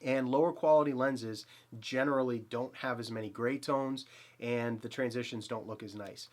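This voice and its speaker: For his photography channel, a man in his thirties with a Boston accent talks up a portrait lens in a casual to-camera gear review, speaking eagerly but rambling with fillers and restarts. The setting is a small, dim home studio, and his medium-pitched voice is steady at a normal speed.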